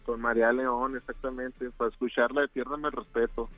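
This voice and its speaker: A man's voice: mid-range voice, level tone, brisk. A caller from El Paso, Texas comes through a narrow, tinny phone line. He chats in an easygoing, friendly way and keeps his answers short. Faint music plays under the call. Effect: heard over the phone line. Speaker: radio show caller. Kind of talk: casual chat. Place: at work in a hospital.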